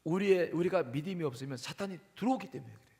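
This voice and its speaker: A male pastor preaching a sermon emphatically, questioning the congregation and moving between loud and hushed delivery. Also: fairly high pitch, animated, rapid-fire, vocal fry. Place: church sanctuary. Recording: long hall reverb.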